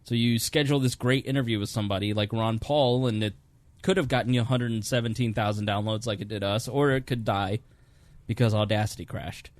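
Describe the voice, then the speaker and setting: A podcast host in his home studio talks casually into a studio dynamic microphone, rambling through technical details with self-deprecating humor. His voice is fairly low and steady in tone, brisk in pace, with no room sound.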